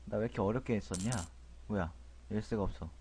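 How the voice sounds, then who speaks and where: A man streaming a horror game with comic commentary, grumbling and shouting at the game and chatting with viewers, over loud game music. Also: fairly low pitch, fast, noisy background. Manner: excitable, yells and grumbles at the game, chats with viewers.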